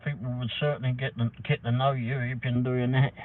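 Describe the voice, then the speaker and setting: Here the middle-aged English host, a delivery driver by trade, rambles through his casual livestream at a fairly quick clip, with medium pitch, flat delivery and the occasional mild curse. Tinny, phone-style audio with slight background noise.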